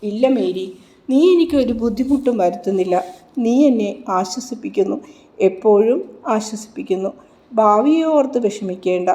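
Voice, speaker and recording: A woman reading a calm, consoling carpenter husband. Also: mid-range voice, close to an everyday voice. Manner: steady, consoling. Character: gentle bearded carpenter husband, calm and reassuring.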